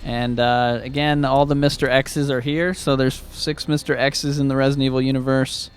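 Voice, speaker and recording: A man's voice: medium pitch, level tone, moderate pace, soft background music. A man live streaming a video game, giving playful, chatty, casual commentary.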